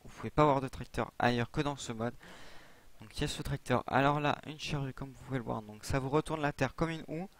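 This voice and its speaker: A man's voice: medium pitch, a little fast. A young man giving a casual gameplay tutorial, rambling with many fillers and restarts as he explains a modded server. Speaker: server admin giving a modded game tour.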